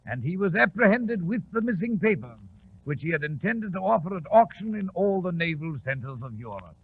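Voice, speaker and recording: A man's voice: sits high, big pitch swings, a little fast, a little hiss or hum. A man playing a genteel, upright doctor telling stories with courtly phrasing in 1940s radio drama. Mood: genial reminiscing. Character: genteel English doctor, loyal storytelling companion, upright. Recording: tinny 1940s radio recording.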